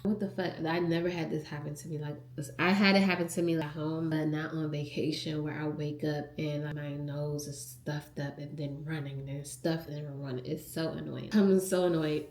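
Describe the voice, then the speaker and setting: A young woman with a stuffed-up, nasal voice chats candidly to her phone camera for a travel vlog at a vacation resort, calling her viewers "y'all." Her voice sits low and darkish, steady in tone, at a moderate pace with hardly any pauses, in a roomy-sounding space.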